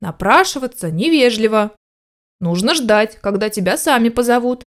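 A woman's voice: a little high, lively intonation, normal speed, natural voice. A woman doing a grumbling stern old dog. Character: grouchy old-fashioned grown male dog, stern.

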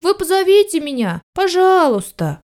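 A woman voicing a small, timid, earnest male puppy in a high, plaintive voice for a storybook reading. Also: big pitch swings, a little slow.

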